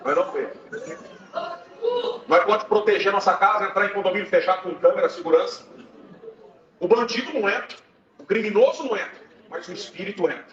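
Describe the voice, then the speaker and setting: A man giving a fervent testimony before a congregation, telling a story and breaking into loud praise. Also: sits high, fast talker. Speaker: church member giving a testimony. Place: large church hall, indoors. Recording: echoey church hall, far mic, dull sound, congregation. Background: congregation responding.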